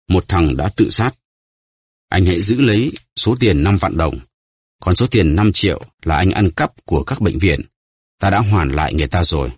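A man voicing a stern, vengeful nobleman who speaks gravely and with command, in a deep husky voice. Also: no echo, studio quality. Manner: grave, measured.

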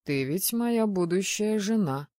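A woman voicing a young male mage who speaks softly with gentle irony. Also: mid-range voice, expressive, measured pace, no room sound, studio quality, natural voice. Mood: ironic. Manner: soft, gently ironic.

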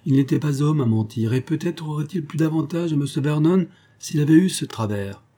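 A man voicing an eager, warm-hearted young English gentleman who speaks up earnestly for a friend. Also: fairly high pitch, animated, fairly quick, pitched above the performer's own voice. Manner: earnest, indignant in defence of a friend. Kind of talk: audiobook character voice.

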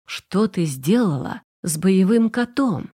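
A woman's voice: mid-range voice, animated, slow pace, dark tone, slightly rough. A woman voicing a commanding, exasperated young emperor in an audiobook, with a reproachful manner. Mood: stern. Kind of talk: audiobook character reading.

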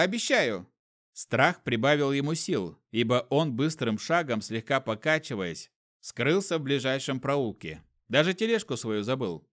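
A man narrating a fantasy novel as an audiobook reader, lively and expressive. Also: mid-range voice.

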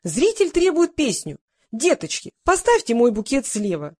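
A woman's voice: high voice, huge pitch swings, normal speed, darkish tone, no room sound, clean studio sound, pitched above the performer's own voice, heavily acted. A woman voicing a vain, muddled old male pop veteran who thinks every show is about him. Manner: confused, self-important.

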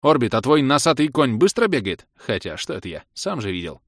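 A man voicing a brash, hot-tempered young father who talks loudly and excitedly. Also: mid-range voice, brisk, no echo, studio quality, pitched above the performer's own voice. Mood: blustering. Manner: loud, blustering, excited.

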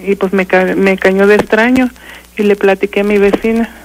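An older woman with a Mexican accent, calling in to a radio show and haltingly telling a ghost story, full of fillers and restarts. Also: medium pitch, steady tone, rough recording. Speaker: caller.

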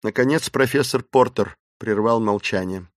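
A man's voice: fairly low pitch, normal speed, no room sound. Male storyteller with a dry, close sound. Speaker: audiobook narrator. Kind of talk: dramatic storybook narration.

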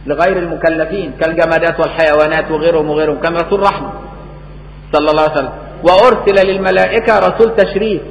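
A man with an Egyptian accent teaching a classical religious text, explaining with rhetorical questions and repetition. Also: a little high. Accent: Egyptian Arabic. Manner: chants Quran verses slowly. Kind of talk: classical text lesson in Egyptian colloquial Arabic. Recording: echoey hall with faint noise.

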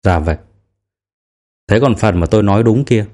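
A man voicing a middle-aged veteran police detective in an audiobook, speaking in a measured, quietly probing way. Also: fairly low pitch, natural voice. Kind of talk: audiobook character reading.

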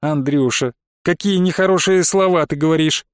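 A man's voice: fairly high pitch, normal speed, clean tone, no echo, studio quality, natural voice. A man voicing a dead witch stepmother in her forties, coquettish and cruel, with a singsong, purring, taunting voice. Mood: sweet, mocking.

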